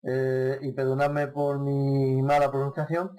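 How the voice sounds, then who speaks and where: A man's voice: medium pitch, monotone, unhurried, mellow, clear, resonant tone. A man hosting a radio talk show, asking questions about a film in a hesitant, thoughtful way with many fillers. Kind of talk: casual radio interview.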